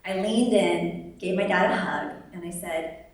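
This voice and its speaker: Young woman storyteller at a live event, dry humor, animated impressions; distant mic, very roomy hall. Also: lowish voice, unhurried. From born in Vietnam, raised in the United States. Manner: wry and humorous, animated, lively quoted voices. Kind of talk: live personal storytelling on stage. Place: large echoey venue at a live event.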